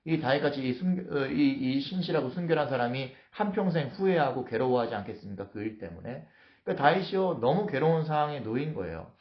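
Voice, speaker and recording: A man's voice: mid-range voice, lively intonation, quick pace. A male pastor preaching a morning devotional, telling the story vividly and acting out its scenes. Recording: roomy, dull lo-fi sound.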